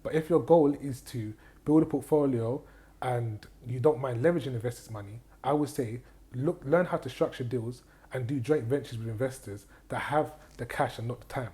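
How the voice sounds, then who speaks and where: A man's voice: mid-range voice, moderate pace, dark tone. A man, a guest on a casual podcast interview, speaking with confidence as he gives advice, repeating key phrases and checking that the listener is following him. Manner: checks in with "do you get what I mean". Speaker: guest, property investor and trainer.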